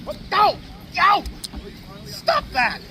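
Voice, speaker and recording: Petulant, hammy king, very high-pitched and slow, noisy outdoor faire recording. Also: animated, far from the mic. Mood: indignant protest. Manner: hammy, theatrical stage acting. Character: petulant, indignant rebel king on trial. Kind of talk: live faire stage performance.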